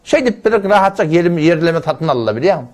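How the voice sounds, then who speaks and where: High, lively-voiced preacher man. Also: fast talker. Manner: emphatic, exhorting, repeats phrases for stress; quotes Arabic scripture. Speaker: Islamic preacher. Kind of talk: live religious lecture on family matters.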